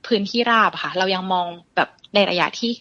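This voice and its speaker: A woman's voice: on the low side, quick pace, sharp tone, no echo, dull audio. A young adult woman calling in to share a ghost story, talking casually with lots of polite fillers and often addressing the host. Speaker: caller sharing a ghost story.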